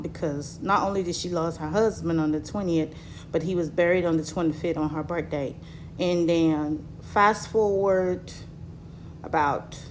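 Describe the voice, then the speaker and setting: A woman in her thirties from Cameroon, telling her own story to her viewers in a halting way with many fillers, while recovering from surgery. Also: deep voice, slight background noise, rough recording. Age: 30s. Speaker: vlogger.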